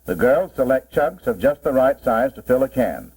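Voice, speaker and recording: A man's voice: medium pitch, expressive, normal speed, a little mellow, breathy edge. A man presenting as a proud company spokesman, narrating a 1940s promotional film in a formal, salesmanlike style. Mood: explanatory. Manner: formal, salesmanlike, mid-century narrator delivery. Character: company man presenting his product with pride. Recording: muffled, worn 1940s film soundtrack.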